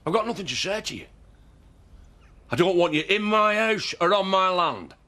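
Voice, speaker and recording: Brief: a hostile, threatening man, bright edgy voice, lively swings in pitch. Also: normal speed, heavily acted. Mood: menacing. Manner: threatening, contemptuous, growling low at times. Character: menacing, possessive man defending his farmhouse. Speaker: soap opera actor. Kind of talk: television soap drama.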